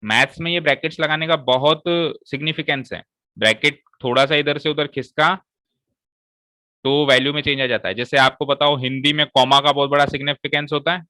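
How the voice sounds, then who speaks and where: Male maths teacher, bright forceful voice, walks students through each step, dry close recording. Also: a little high, steady tone, fairly quick, no echo, poor audio. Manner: explains step by step and checks with students. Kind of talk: classroom maths lesson.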